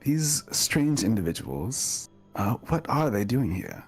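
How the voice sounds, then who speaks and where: A man playing a polite, awkward lordly gentleman in a tabletop game, with formal, hesitant, courteous phrasing. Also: on the low side, sing-song, takes it slowly, husky, soft background music, exaggerated voice.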